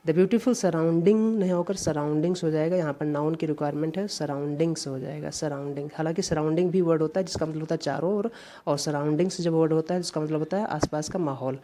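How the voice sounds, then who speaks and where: A woman's voice: low voice, steady tone, quick pace, warm tone. A woman from India explaining English grammar step by step in an exam-prep lesson, repeating key words. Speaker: English teacher.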